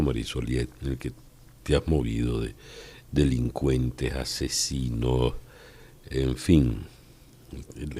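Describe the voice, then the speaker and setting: A man's voice: rumbling low, mellow, slightly rough. A man hosting a radio interview, asking playful, rambling questions. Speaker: radio host.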